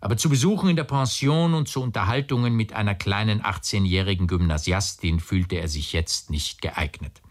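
A man narrating a literary audiobook in a measured, storytelling manner. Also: on the low side.

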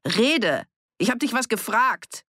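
A woman's voice: deep voice, animated, measured pace, gravelly, dry recording, studio quality, heavily acted. A woman reading an audiobook, voicing a furious older farm woman who scolds and sneers. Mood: scornful.

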